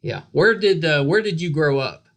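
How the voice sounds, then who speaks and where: A man's voice: a little high, animated, moderate pace, a bit bright. A man hosting a podcast interview, effusive and full of praise, with lots of "yeah.". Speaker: podcast host. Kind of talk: casual interview chat.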